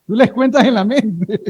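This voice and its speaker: A male pastor preaching a sermon, telling lively everyday stories and having the congregation repeat words after him. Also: high voice, breathy edge, no echo, muffled recording.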